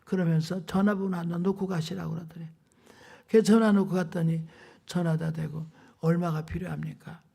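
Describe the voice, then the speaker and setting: Woman evangelist preaching at a church revival, gravelly voice, lively storytelling, lots of emphasis. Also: fairly low pitch, fairly quick. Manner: animated storytelling, emphatic exclamations. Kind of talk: revival sermon.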